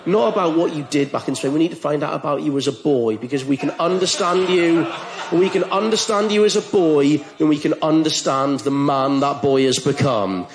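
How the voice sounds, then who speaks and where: A man's voice: on the high side, normal speed. A man hosting a comedy interview, teasing and sarcastic, building into mock outrage. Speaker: comedy show host. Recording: roomy echoey venue.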